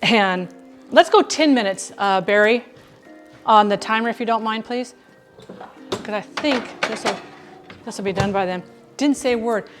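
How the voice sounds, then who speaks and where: A woman's voice: on the high side, a little slow, long pauses, faint music behind. A woman hosting a baking livestream, chatting casually in her kitchen as she works and tells stories, often restarting and repeating phrases. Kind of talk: casual chat while baking.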